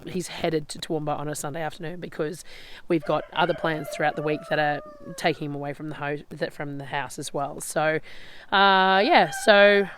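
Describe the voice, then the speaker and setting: An Australian woman with a gravelly, slightly raspy voice chats casually as she walks around and shows her homestead. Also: low-pitched, steady tone, normal speed, hardly any pauses. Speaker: vlogger showing her homestead. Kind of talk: casual walk-and-talk chat. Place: outdoors by chicken pens on a rural property. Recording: outdoor farm noise, loud poultry. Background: roosters crowing, hens clucking, guinea fowl.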